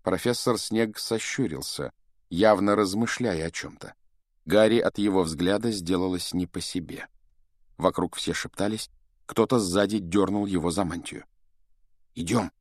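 A man reading a children's fantasy story aloud in an animated, expressive way and voicing each of its characters. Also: deep voice, moderate pace, no echo, studio quality. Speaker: audiobook narrator.

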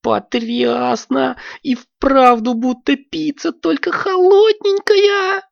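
A storyteller voicing an excitable, impatient young girl wizard who gushes and hurries everyone along. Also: takes it slowly, creaky, no room sound, highs cut off, exaggerated voice. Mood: eager. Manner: shrill, gushing, always hurrying others.

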